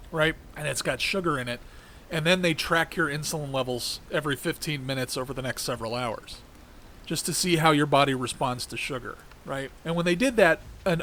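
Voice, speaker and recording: A congested middle-aged man hosting his own show, his voice cracking now and then. He talks in a loose, rambling monologue. His voice sits a little higher than most men's. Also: fairly bright tone. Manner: heated and ranting, then rambling and conversational. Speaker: podcast host. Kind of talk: casual political monologue.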